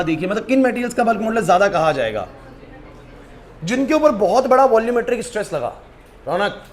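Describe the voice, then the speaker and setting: Young male physics teacher in a classroom, high voice; scolds, coaxes, quizzes pupils by name. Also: a little hiss or hum.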